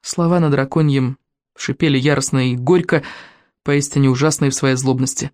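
An audiobook narrator reading a children's adventure story with lively, expressive storytelling. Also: mid-range voice, moderate pace, no echo, clean studio sound.

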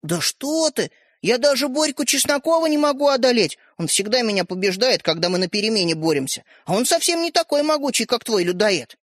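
A man's voice: very high-pitched, animated, a little fast, hardly any pauses, a bit bright, no echo, studio quality, voice pushed up, heavily acted. A man voicing an eager, earnest young schoolboy who is anxious to please, in a storybook reading.

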